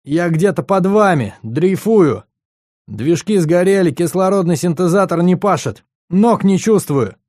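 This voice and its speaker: Injured space pilot adrift, read by a man: frantic, gasping, pitched high and loud. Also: lively intonation, measured pace, dry recording, studio quality. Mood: panicky.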